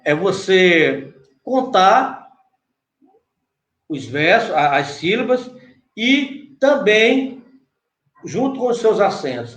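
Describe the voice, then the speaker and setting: Brazilian guy teaching a poetry workshop on a video call, highish voice, keeps asking the guest if he's right. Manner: patient, explains step by step, checks in with the guest. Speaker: cordel poet teaching a workshop. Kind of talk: online workshop lesson. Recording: roomy echo.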